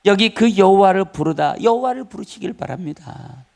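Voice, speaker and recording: A male pastor with a high, creaky, slightly mellow voice preaches animatedly at a normal pace. His emphatic Sunday sermon in the church sanctuary repeats key phrases and invites the congregation to respond.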